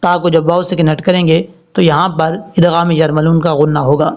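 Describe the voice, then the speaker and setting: A high-voiced man teaches Quran recitation word by word, drawing each word out slowly before explaining the rules in plain speech. His pitch barely moves. The recording is dull and lo-fi.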